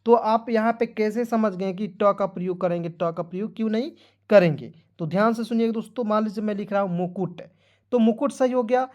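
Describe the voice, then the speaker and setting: Man slowly spelling words in a lesson. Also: high-pitched, darkish tone, highs cut off. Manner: repeats "friends" often, spells letters out slowly and drills. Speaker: teacher. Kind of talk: online lesson.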